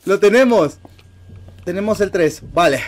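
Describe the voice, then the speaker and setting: A man with a Mexican accent giving let's-play commentary, excitable and swearing, yelping when startled. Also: sits high, unhurried. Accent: Mexican Spanish. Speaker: gaming channel host.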